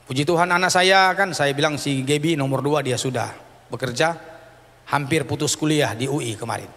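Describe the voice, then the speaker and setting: A middle-aged man, a pastor, telling a personal testimony in a sermon, acting out the people in his story as he goes. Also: medium pitch. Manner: animated storytelling, acting out dialogue. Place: church sanctuary. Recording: church hall reverb.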